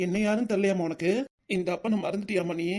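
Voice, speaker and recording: Voice actor as a gentle, caring village father. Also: mid-range voice, steady tone, fast, natural voice. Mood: concerned. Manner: soothing, coaxing. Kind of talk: cartoon family drama voice acting.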